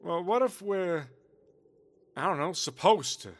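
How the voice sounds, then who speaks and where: A man's voice: sits high, lively intonation, measured pace. A man playing a foul-mouthed rogue villain with a conscience, blunt and colloquial, in an audio drama. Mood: uneasy.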